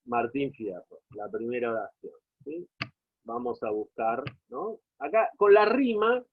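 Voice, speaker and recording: A man's voice: medium pitch, animated, measured pace, husky. A man with an Argentine accent giving a university lecture over a video call, explaining at length and often checking in with his students. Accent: Argentine Spanish. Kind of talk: online class lecture. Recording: tinny phone-like call audio.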